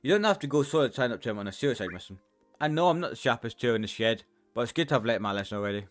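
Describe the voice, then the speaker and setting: Fast-reading Scottish man voicing game dialogue. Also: lively intonation, soft background music. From Scotland. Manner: reads every character's lines, shifting pitch between parts. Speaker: let's-play streamer.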